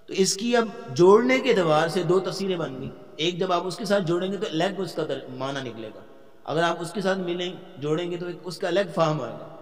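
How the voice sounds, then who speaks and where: A man giving a tafsir lecture as a Quran teacher, explaining step by step, putting questions to the class and chanting verses slowly. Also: sits high, expressive, in a large hall.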